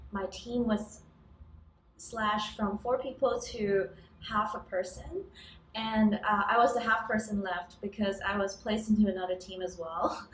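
A young adult woman from Hong Kong, a startup founder, answers interview questions in a mid-range voice, casual and thoughtful, with many ums, restarts, and the occasional laugh. She sits in an office beside a large window overlooking city towers. The mic is somewhat distant, and the room has a roomy echo.

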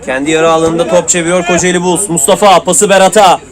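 A man's voice: sits high, little pitch movement, quick pace, over music, crowd noise. A man giving live play-by-play commentary on an amateur football match, calling out player names in short clipped bursts. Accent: Turkish.

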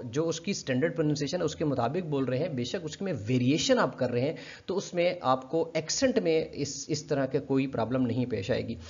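A man's voice: on the high side, a little mellow. A man giving a formal, polite linguistics lesson, mixing English terms into his Urdu. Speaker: linguistics teacher. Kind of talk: explanatory video lesson. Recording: slightly dull, muffled sound.

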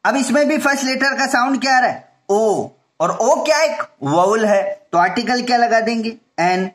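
A man's voice: very high voice, lively intonation, moderate pace, fairly bright tone. A male teacher giving a grammar lesson, explaining step by step and answering his own questions.

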